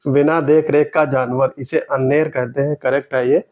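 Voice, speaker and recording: Over narrow, tinny audio, a man with a mid-range voice works through exam test answers at a normal speed. He tutors in a steady way, repeating every key word to emphasize it.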